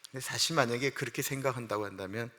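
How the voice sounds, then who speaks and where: A male pastor preaching an earnest, emotional sermon that swells into loud, passionate outbursts. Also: medium pitch, rapid-fire. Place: church sanctuary. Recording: long hall reverb.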